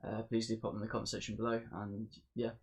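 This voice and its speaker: A man, host of his own channel, calmly explaining to camera in a plain, matter-of-fact way. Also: lowish voice, fast, vocal fry.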